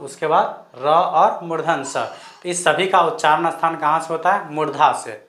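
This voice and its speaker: A male teacher with a slightly high voice gives an online grammar lesson. He drills lists of letters slowly and repeats them, asking viewers to try them aloud. The room around him sounds echoey. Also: a bit bright.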